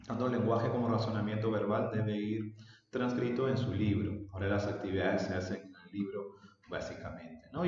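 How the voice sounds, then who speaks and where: A man's voice: on the low side, darkish tone. A male language teacher explaining a lesson patiently, stretching out example words. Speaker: secondary school language teacher. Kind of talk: recorded remote lesson. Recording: dull, roomy, distant with long reverb.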